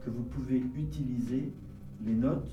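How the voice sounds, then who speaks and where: A man's voice: medium pitch, fairly even intonation, moderate pace, muffled recording. A man teaching a group music lesson, explaining harmony patiently, counting beats aloud and singing rhythms in syllables. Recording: roomy sound from a distant mic, with piano.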